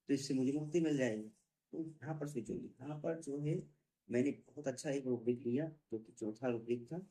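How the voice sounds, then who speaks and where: A man, a homeopathy doctor, explaining a patient case in a teaching talk and slowly repeating technical terms. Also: mid-range voice, warm tone.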